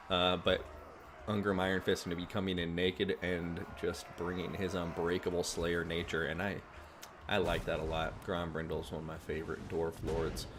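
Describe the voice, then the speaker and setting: A man giving relaxed, chatty live commentary on a strategy game tournament from his streaming setup. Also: sits low, noisy background. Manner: relaxed, chatty play-by-play with asides. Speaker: tournament caster and stream host.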